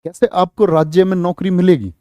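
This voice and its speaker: A man's voice: high voice, steady tone, fairly quick, dark tone, dry recording, studio quality. A man teaching an online exam-prep class, quizzing students and reading out their answers. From India. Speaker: Hindi teacher.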